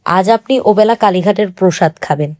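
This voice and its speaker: A woman playing a gentle, soft-spoken young wife. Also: medium pitch, normal speed, pitched below the performer's own voice, close to an everyday voice. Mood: coaxing. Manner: soft, coaxing.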